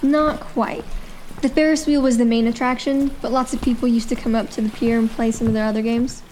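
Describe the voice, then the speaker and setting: Young woman as a guarded, high-voiced teenage girl. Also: steady tone, a little fast, darkish tone, a little hiss or hum, lightly acted.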